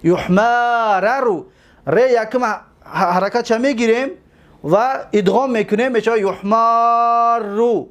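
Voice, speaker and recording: A man teaching a grammar lesson, reciting long memorized verb lists in a steady rhythm and stopping to explain each step. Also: very high voice.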